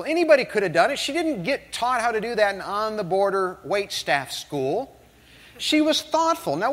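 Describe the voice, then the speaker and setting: A man from the northern United States tells funny stories in a high-pitched voice during a motivational keynote. He's animated and humorous, joking throughout before an audience in a large hall. The recording carries hall reverb.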